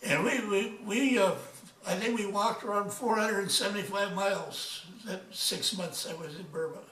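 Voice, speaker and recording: A man of ninety-eight, an old veteran remembering his service in a casual interview, halting and repeating words as he goes. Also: high-pitched, bright, forceful tone. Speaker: retired army major, war veteran. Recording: echoey room, distant from microphone.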